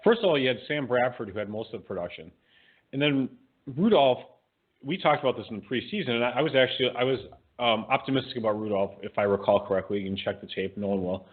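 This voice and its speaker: A man co-hosting a podcast in casual chat, giving quick, chatty opinions and correcting himself as he goes. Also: medium pitch, animated. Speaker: podcast co-host. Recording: phone-like narrow sound.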